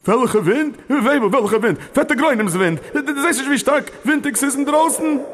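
A man's voice: extremely high pitch, lively intonation, normal speed, fairly bright tone, in a large hall, exaggerated voice. A man voicing a jolly, fussy older rabbi uncle who stammers and chuckles. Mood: jovial.

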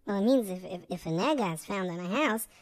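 A woman's voice: mid-range voice, lively intonation, quick pace, lightly acted. A woman voicing a curious young student who answers hesitantly. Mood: inquisitive. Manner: inquisitive, hesitant with repeated starts.

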